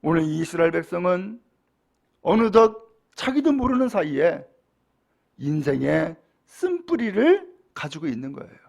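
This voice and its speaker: Animated, high-pitched male preacher with gravelly edge. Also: unhurried. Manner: animated preaching, acts out quoted speech. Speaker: pastor. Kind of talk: sermon.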